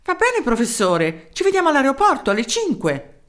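A woman's voice: high-pitched, huge pitch swings, moderate pace, fairly bright tone, pitched above the performer's own voice, full character voice. A woman voicing an earnest male village mayor who talks politely and insistently in a raised voice. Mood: eager.

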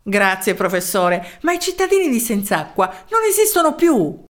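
A woman voicing a jolly male village mayor in a storybook, brisk and hearty. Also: on the high side, very animated, voice pushed up. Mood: warm.

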